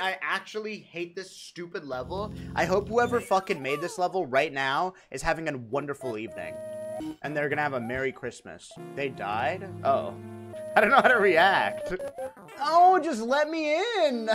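A young man live-streaming a platform game, chatting casually with his viewers, joking, laughing and venting his frustration. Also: on the high side. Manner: laughing, exasperated, joking with chat. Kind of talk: casual live-stream chat while gaming. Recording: game music playing under the voice. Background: loud video game music.

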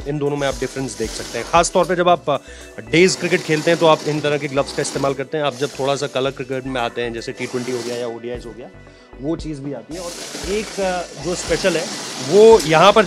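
Animated man hosting a factory walk-through. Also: on the high side. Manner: explains at length with many restarts. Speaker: video host. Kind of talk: explanatory walk-through interview. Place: courtyard of a small workshop. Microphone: handheld mic.

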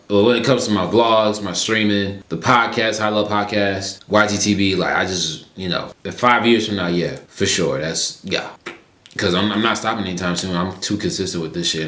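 A man's voice: deep voice, moderate pace, a bit bright, reverberant. A young man in his early twenties talking casually in a laid-back, slangy way with lots of fillers, sitting at a desk in a small neon-lit room, recorded by a fixed camera. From Georgia, US. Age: young adult. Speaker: vlogger. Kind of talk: casual mukbang Q&A chat.

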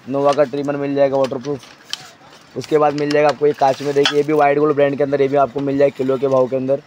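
A man showing stock in a crowded wholesale storeroom, briskly listing items and prices and telling a helper what to hold up. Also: mid-range voice, monotone, darkish tone, a little hiss or hum. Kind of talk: walk-through product showcase.

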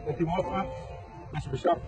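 Young guy, fast gentle talk out on the street, music under it. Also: a little high. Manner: gentle, reassuring. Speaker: social experiment host. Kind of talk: street interview. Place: outdoors on a city sidewalk, crouching.

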